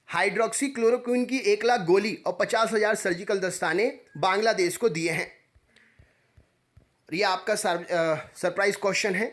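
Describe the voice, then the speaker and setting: Man, exam coaching teacher, high voice, brisk repetitive quiz reading, close mic voice-over. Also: a bit bright.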